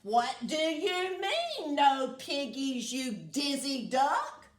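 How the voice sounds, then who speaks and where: A woman voicing a greedy, bossy storybook witch who shouts rude insults. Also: high voice, very animated, slow pace, roomy sound, voice pushed up, full character voice.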